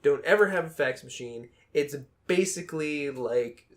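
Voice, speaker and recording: A man's voice: fairly high pitch, animated, moderate pace. A man in his thirties with a Boston accent, co-hosting a casual gaming podcast with a joking, rambling manner. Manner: joking, rambling, self-deprecating. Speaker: podcast co-host. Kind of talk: casual chat.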